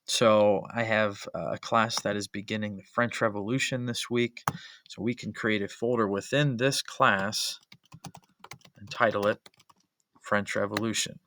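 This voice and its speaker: A man's voice: fairly low pitch, steady tone, a little slow, a bit bright, slight background noise. A male history teacher narrating a screen-recording tutorial as a voice-over, explaining each step methodically with frequent "uh" and "um" fillers.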